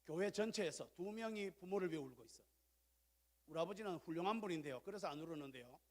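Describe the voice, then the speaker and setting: High-voiced pastor preaching in a reverberant church. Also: male voice, animated, quick pace. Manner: swings between loud exhortation and quiet confiding. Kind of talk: sermon. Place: large church sanctuary. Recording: long church hall reverb.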